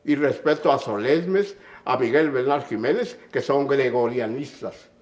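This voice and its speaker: A man's voice: medium pitch, unhurried. An older man with a Mexican accent, a conductor telling stories and lecturing in an emphatic way, often checking in with a short "mm?". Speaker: conductor and musician. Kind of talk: anecdotal storytelling in an interview.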